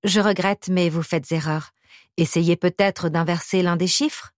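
Female audiobook narrator, first-person, intimate and wry, lowish voice, dry studio booth. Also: steady tone, a little slow, dry recording.

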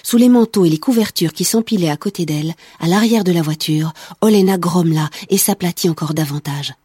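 Woman narrator, measured audiobook reading, mellow low voice, dry close mic. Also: breathy edge, dry recording. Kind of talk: scripted narration.

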